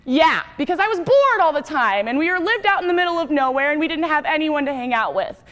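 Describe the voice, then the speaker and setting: A young woman from Wyoming giving a personal testimony speech, talking fast and chatty. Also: sits high, lively intonation, a bit bright. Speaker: speaker.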